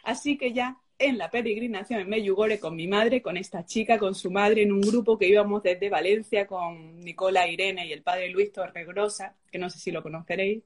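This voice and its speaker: A woman's voice: mid-range voice, normal speed, hardly any pauses. A young woman giving a personal testimony, storytelling with emotion and acting out the dialogue she quotes. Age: young adult. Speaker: guest sharing a conversion story.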